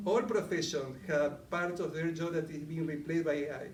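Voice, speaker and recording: A middle-aged man with an Argentinian accent gives a conversational live presentation as a coaching presenter, asking his audience questions in a meeting room. His fairly high voice moves at a moderate pace and is captured from a distance in an echoey room, with a little hiss or hum.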